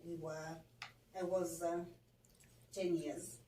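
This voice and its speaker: A woman hosting her channel and telling her own story in a reflective, softly spoken, casual way. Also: lowish voice, level tone, slow. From Kenya, Nairobi. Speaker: channel host, interviewee. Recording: echoey room, mic at a distance, faint noise.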